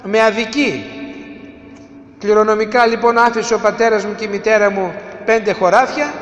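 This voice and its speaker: A man with a high voice delivers an emphatic sermon, full of rhetorical questions. He swings between raised, urgent lines and hushed ones. The sound rings through a reverberant hall with a long, lingering tail. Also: fairly even intonation, dull audio, faint music behind. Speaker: preacher.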